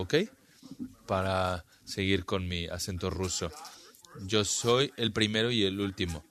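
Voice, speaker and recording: A man's voice: on the low side, a bit bright. A man teaching a Bible class, explaining passages and reading scripture aloud with frequent restarts.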